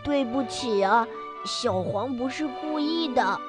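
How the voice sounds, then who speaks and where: A woman voicing an eager, boastful little boy who shouts and shows off in a children's story. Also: sits high, expressive, slow, music in the background, pitched above the performer's own voice. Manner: eager, show-off, exclamatory.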